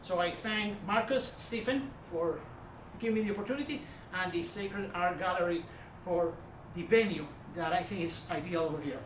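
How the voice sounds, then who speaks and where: A Puerto Rican art history presenter with a Puerto Rican Spanish accent lectures in a gallery hall, rambling, stopping to restart, and leaning heavily on "uh" and "um." His pitch is middling, his speed normal, with hardly any pauses. A far-off mic in the echoey room makes the audio dull and muffled, with steady hiss and murmur underneath.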